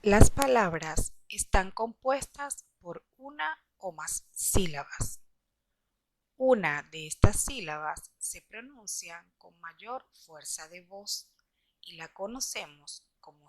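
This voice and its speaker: Slow, measured woman teacher. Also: mid-range voice, expressive. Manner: slow, deliberate explaining to children. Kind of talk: scripted classroom lesson.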